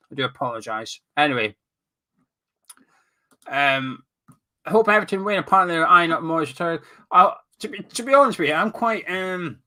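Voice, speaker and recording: A man from Scotland, sniffling through a cold, hosts a live stream on his webcam, reading viewer comments and bantering as the talk wanders. His fairly high voice sounds pushed and bright.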